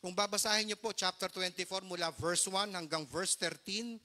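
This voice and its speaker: Middle-aged man, pastor, earnest storytelling sermon, somewhat high voice, bright forceful tone. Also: normal speed. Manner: earnest, mixes English into his Tagalog.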